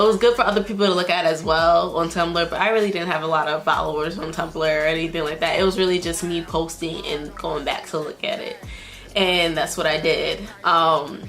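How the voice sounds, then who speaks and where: A woman's voice: sits low, a bit bright. A woman of twenty-one telling her own story in a vlog, candid and rambling, often restarting her sentences. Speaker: vlogger.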